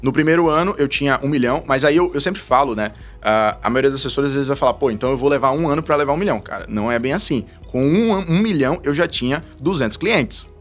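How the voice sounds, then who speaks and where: Soft music plays behind this mid-range male voice. An investment advisor from Salvador, Brazil, he appears as a guest on a laid-back podcast, recounting his story at a fast clip with lots of laughter.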